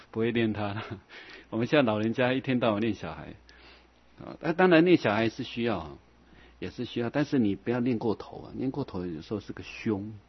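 Husky-voiced monk giving a folksy sermon. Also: male voice, lowish voice, lively intonation, moderate pace, long pauses. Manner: folksy and chuckling, with many fillers. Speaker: Buddhist monk teacher. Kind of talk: Buddhist sermon. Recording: dull lo-fi recording.

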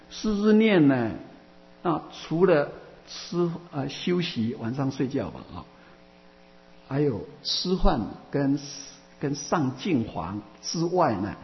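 A man gives a Buddhist Dharma talk in a gravelly, fry-tinged voice, often stopping to restart his sentences and stretching out his fillers. His voice carries a long hall reverb. The recording is dull and muffled, with a faint hum underneath. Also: mid-range voice. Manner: halting, many restarts and drawn-out fillers. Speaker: Buddhist teacher answering questions.

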